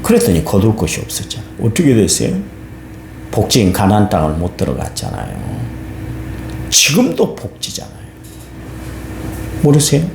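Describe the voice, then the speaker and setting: A man preaching a dawn service sermon as pastor, colloquial and animated, acting out people's complaints. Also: lowish voice, normal speed, vocal fry, long pauses. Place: church sanctuary. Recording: echoey church hall, faint hum.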